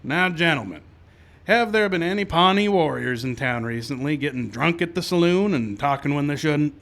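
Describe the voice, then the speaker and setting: A man's voice: fairly high pitch, expressive, normal speed, vocal fry, a bit bright. A man playing a stern, weary frontier marshal in a radio western, commanding and clipped. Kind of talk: 1950s-style radio western acting and narration.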